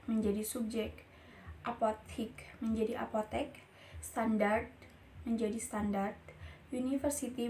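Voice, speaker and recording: A young woman, a university student, reading course notes aloud in a steady voice and sometimes stumbling and restarting a word. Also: a little high, creaky, a little hiss or hum. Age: young adult. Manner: reads steadily from notes, with small slips and restarts.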